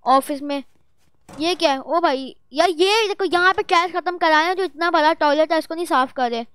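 High, jittery woman gamer. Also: normal speed, no room sound. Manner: excitable, jittery, loud exclamations. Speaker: gaming vlogger. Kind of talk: Roblox horror gameplay commentary.

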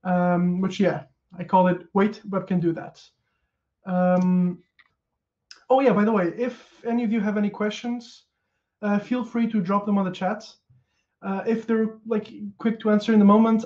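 Speaking at a moderate pace in a high-pitched voice, a man in his thirties with a Portuguese accent delivers a laid-back tech conference talk over a headset from a small home room. The highs are clipped, and his speech is loose, full of ums, uhs and restarts.

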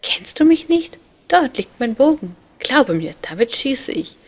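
A woman voicing a mischievous little boy, the love god Amor with his bow, in a high, loud, teasing voice for a read-aloud fairy tale. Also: big pitch swings, measured pace, heavily acted. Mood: cheeky. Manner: boastful, teasing.

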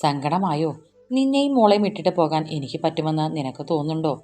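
A woman's voice: low voice, sing-song, fast, warm tone, soft background music. A woman voicing a tender young husband. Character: young husband, tender, gruff when upset.

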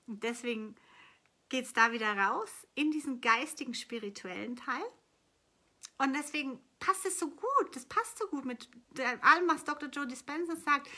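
A woman's voice: a little high, pushed and bright. A middle-aged woman giving an earnest, flowing spiritual coaching talk, answering viewer questions and repeating phrases for emphasis. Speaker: manifestation coach.

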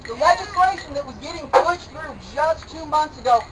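At an outdoor protest in a city plaza, a young man with an extremely high, expressive voice gives a rousing rally speech through a handheld megaphone at a moderate pace, calling for the crowd to respond. A camera some distance away picks him up faintly over the noisy crowd.

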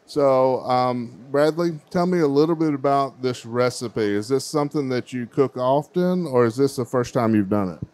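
A middle-aged contest host talks at a moderate pace with few pauses, in a mid-range, darkish voice. He's emceeing a kids' baking contest in a large fair hall, interviewing the child contestants on a handheld mic with chatty encouragement.

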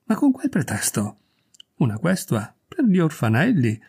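A man reading aloud voices an excitable noblewoman who presses eagerly for details. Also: fairly high pitch, a little slow, creaky, breathy edge, exaggerated voice.

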